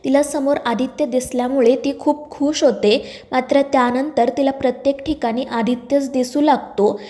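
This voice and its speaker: A woman reading a scripted recap of a TV serial episode in a steady storytelling manner. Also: high-pitched, normal speed. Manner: steady read-aloud storytelling. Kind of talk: scripted narration.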